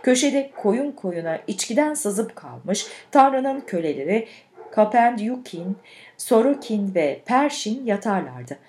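Expressive woman reading a novel aloud. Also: mid-range voice, slight background noise. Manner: measured, expressive storytelling. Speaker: audiobook narrator. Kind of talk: literary audiobook reading.

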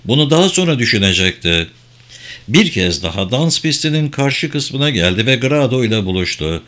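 Guy reading a thriller audiobook, mid pitch, steady and even. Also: moderate pace. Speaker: audiobook narrator. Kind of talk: scripted narration.

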